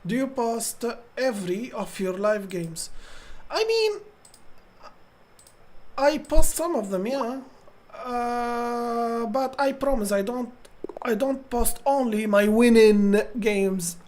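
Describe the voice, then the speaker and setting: A woman's voice: on the high side, expressive, slow. A woman from Tunisia, chatting with viewers and thinking aloud as a chess streamer. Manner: chatty, reads chat aloud and thinks out loud over moves. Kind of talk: live-stream commentary.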